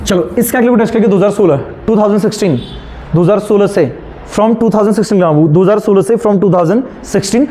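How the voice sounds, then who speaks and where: High-pitched Indian man dictating class notes. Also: fast, dark tone, slight background noise. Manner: dictating notes, repeating phrases for students to write down; mixes Hindi with English terms. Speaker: teacher of a current affairs exam class.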